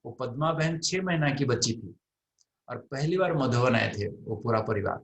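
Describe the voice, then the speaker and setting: A middle-aged man leads a devotional class in an unhurried storytelling way. He slips into the voices of the elders he remembers, dropping soft and then rising loud, so his pitch moves a lot. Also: vocal fry, low-quality recording. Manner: animated storytelling, acts out quoted elders in soft and raised voices. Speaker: spiritual class teacher.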